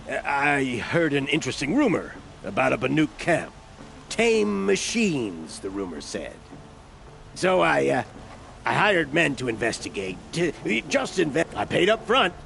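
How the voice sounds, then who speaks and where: A man's voice: mid-range voice, sing-song, measured pace, vocal fry, fairly bright tone, exaggerated voice. An actor playing a greedy, shifty male merchant who wheedles, stammers and sells himself as an opportunist, in video game dialogue. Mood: scheming.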